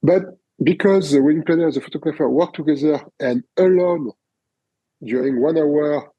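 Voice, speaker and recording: A man with a French accent and French as his first language, talking in a casual interview as a guest photographer, halting with many fillers. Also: fairly high pitch, breathy edge, no room sound, dull audio. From France.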